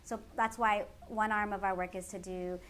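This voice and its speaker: A community organizer from California's San Francisco Bay Area in the United States answers interview questions with articulate, earnest explanations of her organizing work, in a Californian American accent. Her medium-pitched, fairly bright voice holds a fairly even intonation at normal speed, against clearly noisy ambience.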